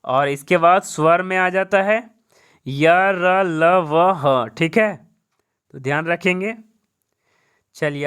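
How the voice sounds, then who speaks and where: Slow, high, clear-voiced male teacher. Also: fairly bright tone. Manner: repeats points and asks then answers his own questions; keeps saying "ठीक है". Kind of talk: exam-prep grammar lesson.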